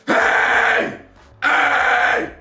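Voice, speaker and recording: A man demonstrating harsh false chord vocals in short, gritty, rasping growled shouts, as a vocal coach would. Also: very slow, roomy sound, soft background music.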